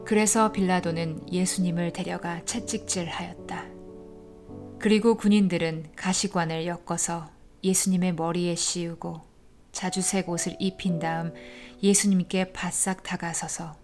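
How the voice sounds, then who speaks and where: A woman narrating scripture in a steady, even reading manner. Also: fairly low pitch, unhurried. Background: soft instrumental music.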